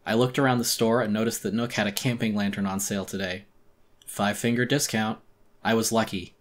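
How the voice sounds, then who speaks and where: A man reading a horror story aloud as a dramatic audiobook, with tense, suspenseful narration. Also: lowish voice.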